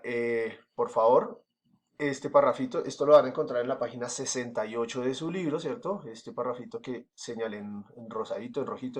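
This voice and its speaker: A man with a Colombian accent teaching a recorded school lesson, explaining step by step with many fillers and frequent checks that the class is following. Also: medium pitch. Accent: Colombian Spanish.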